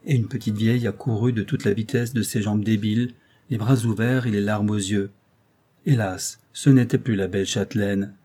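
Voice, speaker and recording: A man narrating an old French tale as an audiobook, in a measured, expressive storytelling manner. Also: lowish voice. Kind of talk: audiobook reading of a classic story.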